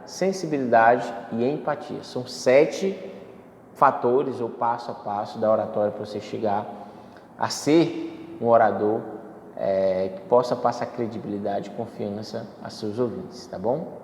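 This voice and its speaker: A man's voice: medium pitch, measured pace, darkish tone, a little hiss or hum. A man teaching a lesson on public speaking, explaining step by step with frequent fillers and self-corrections. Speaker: instructor. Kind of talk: spoken lecture on public speaking. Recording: echoey hall, faint ambience.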